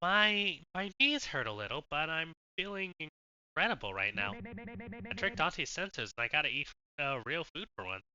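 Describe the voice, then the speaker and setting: A man's voice: on the high side, very animated, moderate pace, clear, resonant tone, no room sound, pitched above the performer's own voice, full character voice. A man doing an eager young girl. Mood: excited. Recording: muffled sound over loud game music.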